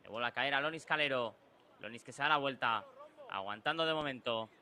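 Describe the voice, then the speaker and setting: A man with a Spain accent giving breakneck, excitable live football commentary, with drawn-out goal shouts. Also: medium pitch. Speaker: sports commentator.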